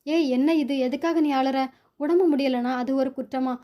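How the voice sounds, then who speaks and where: A gentle young husband who talks softly and with care, as a woman storyteller reads his lines. The voice sits high and has a warm, dark tone. It is a storybook reading. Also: steady tone, unhurried. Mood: caring. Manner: soft, caring.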